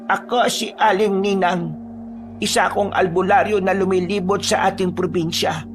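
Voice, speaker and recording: A man voicing a wise old female village healer in a calm, knowing storytelling tone. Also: high voice, moderate pace, over music, voice pushed up, lightly acted. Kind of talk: storytelling voice acting.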